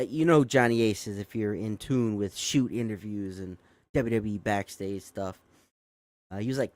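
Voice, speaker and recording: A young man hosting a casual live stream, reading a news story aloud and breaking off to react. He swears freely, stumbles and fixes his words as he goes, and sounds amazed. His voice sits at an average pitch and is recorded dry and close. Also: a little mellow, no echo. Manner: swearing, easily amazed, with frequent fillers and self-corrections. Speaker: show host.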